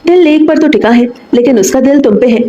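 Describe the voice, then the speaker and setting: A woman's voice: sits high, fairly quick, warm tone, lo-fi sound, pitched above the performer's own voice, close to an everyday voice. A woman voicing a young man's joking best friend in a romance audiobook, talking in a teasing way.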